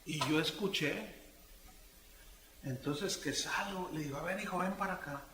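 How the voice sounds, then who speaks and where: A man's voice: high voice, normal speed, noisy background. A middle-aged man with a Mexican accent, preaching a conversational sermon and telling stories that act out dialogues in changing voices. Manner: animated storytelling, acting out dialogues in different voices. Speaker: pastor. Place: church congress hall. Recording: echoey church hall.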